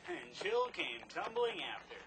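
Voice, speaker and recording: A man's voice: high-pitched, very animated, a little slow, creaky. A man cracking sarcastic jokes over an old movie in a basement. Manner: wisecracking, sarcastic. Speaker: movie riffing host. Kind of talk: joking commentary over a film. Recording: home recording with film noise behind.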